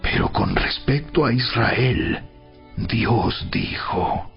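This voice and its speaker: A man's voice: medium pitch, very slow, creaky. A man giving solemn, emphatic, rhetorical narration in a dramatized reading of scripture. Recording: dull sound with background music. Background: music.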